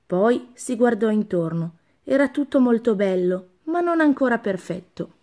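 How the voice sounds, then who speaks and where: A woman reading a children's storybook aloud with a clear, expressive delivery. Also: fairly high pitch, measured pace.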